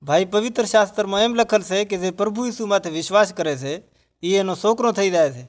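A man's voice: sits high, a little fast. A man in a scripted religious dialogue, earnestly explaining his faith to a grieving villager.

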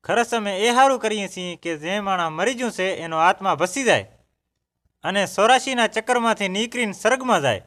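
A man's voice: high voice, animated, brisk, bright, forceful tone. A man in a scripted religious dialogue, speaking somberly and asking questions about death. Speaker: grieving villager.

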